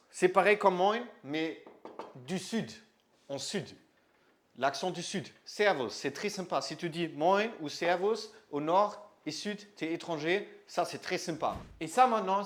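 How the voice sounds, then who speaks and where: Slow, patient young German teacher, a man. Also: high-pitched. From northern Germany. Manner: slow and patient, repeats words to drill them. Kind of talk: casual language lesson.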